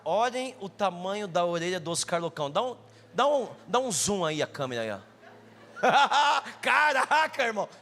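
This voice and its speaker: A young Brazilian man with a Brazilian Portuguese accent preaching a jokey, animated sermon full of personal stories, sometimes rising to shouts. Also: high-pitched, a little fast. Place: church stage with live audience. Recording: long hall reverb, faint music.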